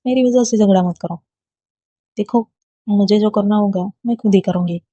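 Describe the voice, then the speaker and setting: A woman's voice: mid-range voice, mellow, breathy edge, no echo, lightly acted. A woman reading a storybook voicing a proud young college woman who gets defensive easily. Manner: defensive, quick to bristle. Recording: dull lo-fi dry recording.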